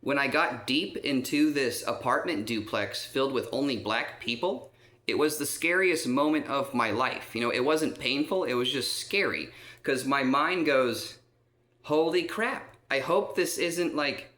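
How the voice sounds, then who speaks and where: Expressive and sharp-toned, with a medium pitch and moderate pace, this vlogger rambles through a lengthy story from his own life. Recorded with a roomy echo in a resident's room at a care home, he often checks in by asking "okay?" and fills gaps with "um".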